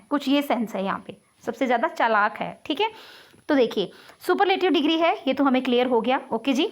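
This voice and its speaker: High-voiced woman teaching grammar. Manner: patient, explains step by step with frequent "okay ji" check-ins. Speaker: English teacher. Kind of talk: online grammar lesson.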